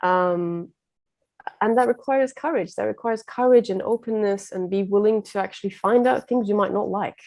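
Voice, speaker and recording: A woman's voice: medium pitch, moderate pace, a little mellow. A woman from Turkey, a guest coach, speaking earnestly and reflectively in a casual conversation with many fillers.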